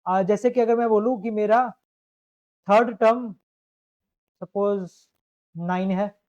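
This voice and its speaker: A high-pitched man works through a math problem in a live online class, checking step by step that his students follow. The sound is dull and lo-fi, like a compressed stream. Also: steady tone, takes it slowly, a little mellow. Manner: explains step by step, asks students to confirm. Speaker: math teacher.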